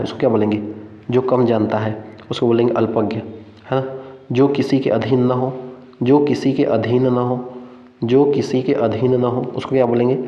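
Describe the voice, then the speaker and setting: A man leads an exam-prep lesson, repeating each term over and over and putting questions to his listeners. His delivery stays flat and even. The sound is dull and lo-fi, with a long, roomy echo. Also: mid-range voice. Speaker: Hindi exam-prep teacher. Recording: echoey, dull lo-fi room sound.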